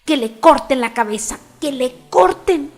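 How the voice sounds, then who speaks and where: A woman's voice: expressive, moderate pace, close to an everyday voice. Woman putting on a shrieking furious card queen. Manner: shrill, barking commands. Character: furious imperious queen of cards, shouting orders. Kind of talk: storybook reading.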